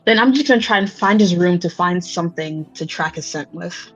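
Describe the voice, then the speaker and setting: A woman's voice: lowish voice, brisk, soft background music. Hesitant woman player on a lo-fi mic. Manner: hesitant, thinking aloud. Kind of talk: casual tabletop game chat.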